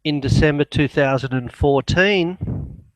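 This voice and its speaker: A man's voice: fairly high pitch, measured pace, no echo, low-quality recording. A man dictating financial market commentary as an analyst, speaking his punctuation aloud and letting his voice drop on it. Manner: dictating, voice dropping on spoken punctuation.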